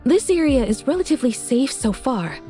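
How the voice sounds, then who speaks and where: An earnest scout in a video game. Her voice is fairly high yet mellow, and she speaks with careful, cautioning concern. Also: big pitch swings, fairly quick, soft background music. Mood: earnest warning.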